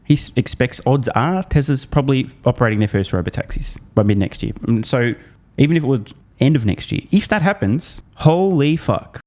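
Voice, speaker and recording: An Australian man delivers finance commentary with a dark, mellow tone. He is blunt and mocking, leaning hard into sarcasm. His pitch sits mid-range for a man. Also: brisk.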